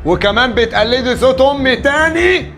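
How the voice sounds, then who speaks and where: A man's voice: extremely high pitch, animated, moderate pace, a bit bright, soft background music, full character voice. An actor playing a bewildered young man in a comedy skit, asking questions in a pleading way. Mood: confused. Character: baffled young man searching for his mother.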